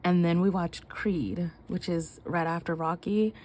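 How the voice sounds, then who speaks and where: A young woman vlogs about her budget, counting cash aloud in quick, chatty bursts. Her voice is lowish and darkish with fairly even intonation, and she sounds nasal and short of breath from being ill.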